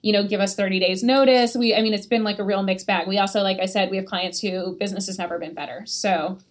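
A woman's voice: medium pitch, steady tone, fast talker. A woman co-hosting a podcast in casual, chatty conversation, with lots of likes and ums. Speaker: podcast co-host, PR agency.

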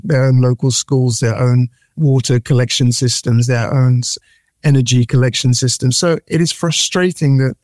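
In studio-quality audio with no room sound, a middle-aged man of medium pitch chats as an interview guest. He was born in Nigeria and raised in the UK from the age of eight. The conversation is casual, and his energetic storytelling is peppered with repeated words and false starts.

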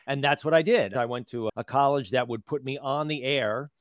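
A man's voice: medium pitch, normal speed, no echo. A man in his fifties from the United States, a guest in an interview, telling stories in a chatty way and laughing often. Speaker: guest, public relations professional. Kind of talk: conversational interview.

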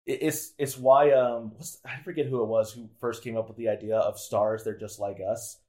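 A man's voice: medium pitch, fairly even intonation, normal speed, warm tone. Rambling, candid man in casual talk. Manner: rambling, self-interrupting, frequent "like" fillers; candid, occasionally swears. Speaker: podcast guest. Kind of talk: casual conversation.

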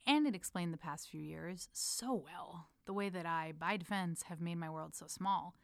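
A woman's voice: fairly low pitch, moderate pace, creaky, dry recording, studio quality. A woman from the United States reading her personal letter aloud, intimate and playful, calling the listener her love. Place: lives in Amsterdam.

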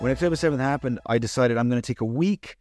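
A man's voice: mid-range voice, fast, music in the background. A man, a podcast guest speaking earnestly and fluently, often restarting his words. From United Kingdom. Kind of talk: podcast interview.

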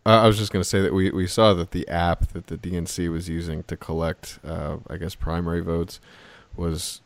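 A man's voice: low voice, level tone, normal speed, creaky. A man co-hosting a casual political podcast, speaking hesitantly with many fillers. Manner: hesitant, filler-heavy, laughs often. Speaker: podcast co-host.

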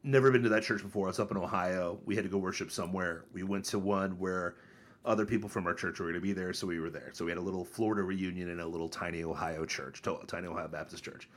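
A man in his thirties co-hosting a podcast, talking in a casual, mocking, animated way. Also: fast talker. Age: 30s. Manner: animated, mocking, mimics others in high voices. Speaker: podcast co-host. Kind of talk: casual opinion chat.

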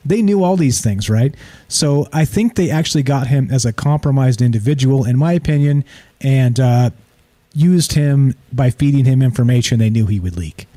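A man with a medium-pitched, relaxed and mellow voice hosts a talk show. He speaks informally and opinionatedly, circling back over phrases for emphasis and tossing in rhetorical questions. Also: normal speed. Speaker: talk show host taking calls and chat.

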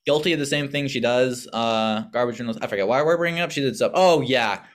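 A man's voice: mid-range voice, quick pace. Wry young man explaining things casually. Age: young adult. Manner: explanatory, wry, sarcastic asides. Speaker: podcast co-host. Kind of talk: casual podcast chat.

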